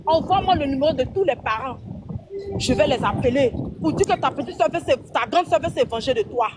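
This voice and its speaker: A woman's voice: high-pitched, lively intonation, a little fast, noisy background. A woman in an emotional live stream rant, agitated, talking over others and repeating herself.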